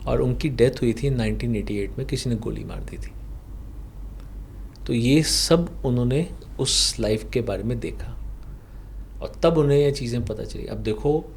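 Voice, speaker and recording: A man whose first language is Punjabi, a past life regression therapist in a podcast interview, recounting a client's session slowly with rhetorical questions. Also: mid-range voice, creaky, darkish tone, slight background noise. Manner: slow, explanatory storytelling with rhetorical questions.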